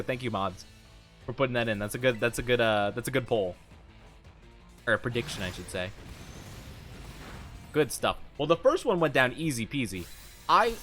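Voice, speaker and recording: Lively, chatty male game streamer. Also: mid-range voice. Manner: chatty, upbeat, giggly. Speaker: livestreamer. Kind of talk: casual game stream commentary, chatting with viewers. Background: music.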